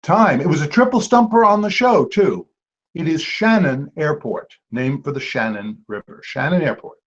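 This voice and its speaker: Over a video call with dull lo-fi sound, a male quizmaster hosts online trivia with playful, jokey asides. His voice is a little high, with lively intonation at a moderate pace.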